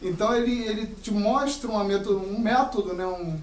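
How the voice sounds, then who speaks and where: A man's voice: sits high, brisk, slight background noise. A man in a university class discussion explaining a point casually with examples, heard from a distant mic in a roomy classroom. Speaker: student.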